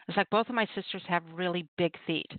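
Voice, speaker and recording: A middle-aged woman hosts a call-in poetry radio show, her fairly low voice moving fast as she chats casually, tells stories, and trades playful, self-deprecating banter. The sound is muffled and dry, like a radio call-in line with no room echo.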